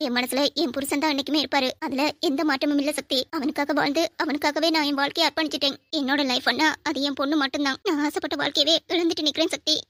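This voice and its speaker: A woman voicing a young widowed mother in a drama, devoted to her late husband and her daughter. Her voice is high and her words come quickly and tearfully. The recording is dry and close. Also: steady tone, a bit bright, no room sound. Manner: tearful, pleading. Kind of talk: audio drama acting.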